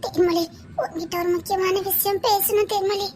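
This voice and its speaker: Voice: extremely high pitch, fairly even intonation, brisk, a little mellow, slight background noise. A performer playing an emotional young woman with a Tirunelveli Tamil accent, who pleads with her friend and teases her.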